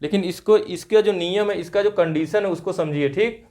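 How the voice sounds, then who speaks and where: High-voiced male teacher drilling grammar rules. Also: normal speed, darkish tone. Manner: checks understanding constantly, tag questions like "right?"; repetitive, drilling rules step by step. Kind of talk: classroom lecture with call-and-response.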